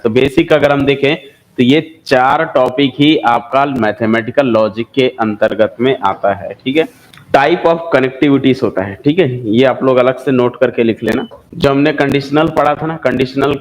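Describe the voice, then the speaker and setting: A man's voice: medium pitch, low-quality recording. A man with an Indian accent teaching a maths lesson, who repeats key terms and asks and answers his own questions. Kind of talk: classroom lecture.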